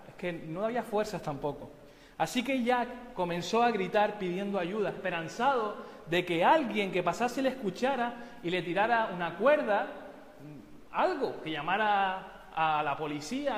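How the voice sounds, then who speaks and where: Pastor guy preaching, tells a story with jokes thrown in, fairly high voice, echoey church. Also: expressive, moderate pace. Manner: storytelling with joking asides. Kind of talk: sermon.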